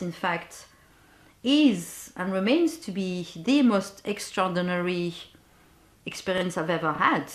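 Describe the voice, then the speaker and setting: A bereavement guide, a woman with a medium-pitched, fairly bright voice, recounts something personal to the camera. She goes slowly and thoughtfully, frequently stopping to find the right words, and the recording carries a roomy echo.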